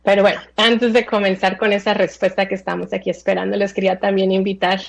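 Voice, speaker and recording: A Colombian-born woman of about forty, raised in the United States, giving a relaxed, chatty talk with many filler sounds. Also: mid-range voice, quick pace, gravelly, poor audio. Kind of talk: online talk.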